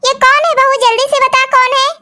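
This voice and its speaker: A domineering mother-in-law who nags, taunts and scolds in a cartoon story, played by a woman. The voice sits very high and keeps harping on how things were done in her day. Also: flat delivery, brisk, bright, forceful tone, heavily acted. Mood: alarmed. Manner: nagging, taunting, boastful about old times.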